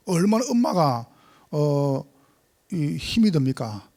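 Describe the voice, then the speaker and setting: A male pastor delivers a sermon in a high, very animated voice that leaps up and down in pitch. He is emphatic and swings from loud calls to hushed asides.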